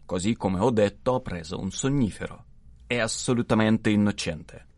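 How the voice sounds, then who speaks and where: Give a proud young count, as a man voices him in an audiobook, hot-tempered and fiercely protective, pressing every point with indignant emphasis. His voice sits on the low side. The recording is dry. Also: moderate pace, darkish tone, no echo, natural voice. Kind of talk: audiobook dialogue reading.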